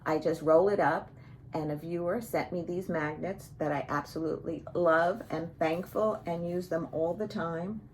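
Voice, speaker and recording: A woman's voice: lowish voice, fairly even intonation, moderate pace, a little hiss or hum. Chatty woman hosting a stitching vlog. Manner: chatty and rambling, many "um"s and restarts. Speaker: cross-stitch vlogger, show host.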